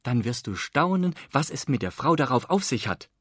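A man voicing a polite, earnest young schoolboy in a radio storybook reading, with a husky voice. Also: mid-range voice, big pitch swings, normal speed, a bit bright, no room sound, studio quality, pitched above the performer's own voice.

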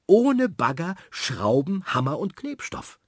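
A bossy, eager little girl from a storybook, voiced by a man, pitched high and bright. She sounds insistent and excited, with a husky grain and a dry, close sound. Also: takes it slowly, dry recording, full character voice.

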